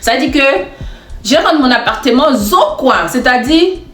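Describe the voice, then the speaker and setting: A woman telling a comic storytime, chatty and animated as she acts out the dialogue. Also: high voice, unhurried, faint music behind. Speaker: storyteller, content creator. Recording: echoey room.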